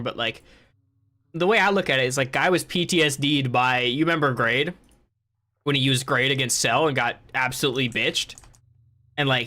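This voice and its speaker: Young man, podcast host, bright clear voice, casual rant, lots of swearing. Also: mid-range voice. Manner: ranting, swears freely, animated. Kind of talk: casual gaming podcast chat.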